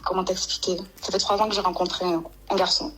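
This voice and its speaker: A woman's voice: lowish voice, flat delivery, quick pace, fairly bright tone, low-quality recording. A woman phoning in to tell a long personal story, rambling and emotional, with many restarts. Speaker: caller. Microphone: phone.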